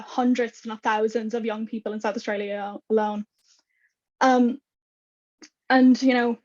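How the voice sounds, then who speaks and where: A young woman presenting in a youth workshop, talking in a halting way with fillers and self-corrections. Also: fairly high pitch, highs cut off.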